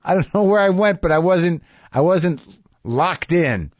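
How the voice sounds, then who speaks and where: A man's voice: high-pitched, animated, measured pace, no room sound. A middle-aged man hosting a podcast, talking casually in a rambling, wry, self-deprecating way. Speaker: podcast host. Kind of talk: casual conversational monologue and interview.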